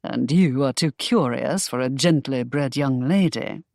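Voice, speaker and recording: A protective young nobleman in a romance audiobook, voiced by a woman narrator, pitched well below her own voice. He talks low and tender with a teasing edge. The recording is close and dry. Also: unhurried, vocal fry, darkish tone, dry recording, heavily acted.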